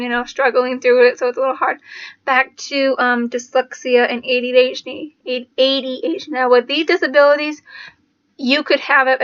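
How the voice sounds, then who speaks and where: A woman's voice: high-pitched, fairly bright tone, no echo, muffled recording. A young woman talking casually to her viewers, rambling, with frequent restarts and fillers. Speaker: vlogger. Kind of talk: casual personal talk to camera.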